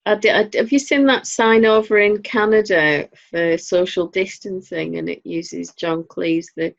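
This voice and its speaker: A Northern English woman co-hosts an easy, rambling chat full of dry wit, her voice low and unhurried with vocal fry. The audio is dull and lo-fi.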